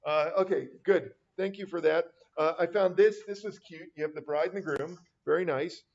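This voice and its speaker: A man's voice: a little high, normal speed. A middle-aged man teaching a math class, chatting casually with wry, rambling asides. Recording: dull lo-fi classroom recording.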